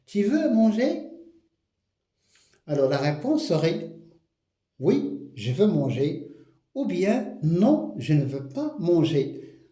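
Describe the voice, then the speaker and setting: A man teaching a grammar lesson, explaining slowly and patiently, repeating his points. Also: on the high side, very animated, mellow. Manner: slow, patient explaining with repetitions. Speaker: French teacher. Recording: echoey room.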